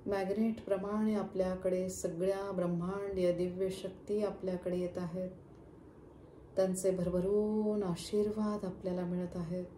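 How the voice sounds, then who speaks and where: A woman leading a guided chakra meditation with slow, soothing instructions. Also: medium pitch, dark tone. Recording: echoey room, faint background hum.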